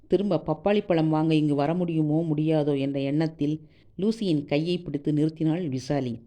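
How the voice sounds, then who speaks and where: Storyteller, female; low pitch, warm tone, steady expressive novel reading. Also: normal speed. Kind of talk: reading a serialized novel aloud.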